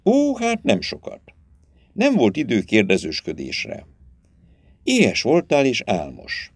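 A man's voice: medium pitch, wildly swooping pitch, breathy edge, no room sound, full character voice. A man reading aloud and voicing a firm, commanding young woman who takes charge. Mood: firm, earnest. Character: stern, resolute young woman, captive sister.

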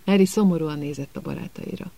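A man reading a storybook aloud in measured scripted narration. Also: fairly high pitch, dark tone. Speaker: audiobook narrator.

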